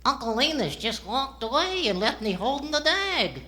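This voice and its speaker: A man voicing a cheeky, naive farm-boy ventriloquist dummy with a squeaky voice in a comedy routine. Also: very animated, normal speed, sharp tone, heavily acted. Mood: earnest, cheeky. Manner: cheeky, naive comic answers.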